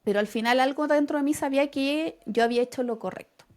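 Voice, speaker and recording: With a Chilean accent and a high-sitting voice, this young woman talks fast as she shares a personal story on the podcast she co-hosts. She's animated, laughing while she acts out the quotes.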